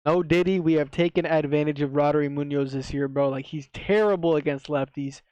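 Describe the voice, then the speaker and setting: A man's voice: fairly high pitch, steady tone, fairly quick, darkish tone, clean tone, no echo, poor audio. A man with a slight lisp from wearing a retainer, giving casual, slangy sports betting commentary to viewers. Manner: slangy, swearing, repeats himself for emphasis. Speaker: sports betting tipster, video host.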